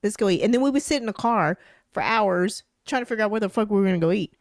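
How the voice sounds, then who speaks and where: A woman co-hosting a podcast, telling a story in casual chat, animated and swearing as she vents her exasperation. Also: medium pitch, fast, dry recording, clean studio sound. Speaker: podcast co-host.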